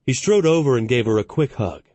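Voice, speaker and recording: A man narrating an audiobook in a steady, even reading voice. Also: mid-range voice, a little fast, dry recording. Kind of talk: scripted narration.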